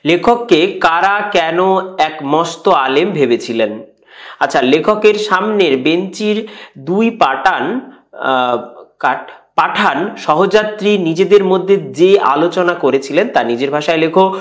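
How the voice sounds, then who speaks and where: A man's voice: on the high side, expressive, fairly bright tone. Man talking through exam suggestions. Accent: West Bengal Bengali. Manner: rapid question-by-question rundown with frequent "আচ্ছা". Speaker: teacher.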